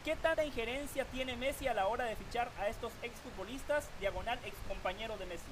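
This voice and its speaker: Very high-voiced man analyzing football. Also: background noise. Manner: formal, measured analysis. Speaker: sports show panelist. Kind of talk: sports talk panel discussion.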